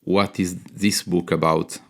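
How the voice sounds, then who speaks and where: A man hosts a casual podcast interview in a deep, gravelly voice. He hesitates often, searching for words with fillers and restarts. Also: little pitch movement, measured pace, fairly bright tone. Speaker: podcast host.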